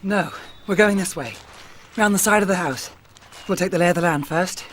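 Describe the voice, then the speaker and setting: An actress playing a brusque, practical woman in an audio drama, with a husky voice and deadpan, clipped delivery. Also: on the low side, moderate pace, slight background noise, lightly acted. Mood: brisk, practical. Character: brusque, practical, dry-witted woman who takes charge.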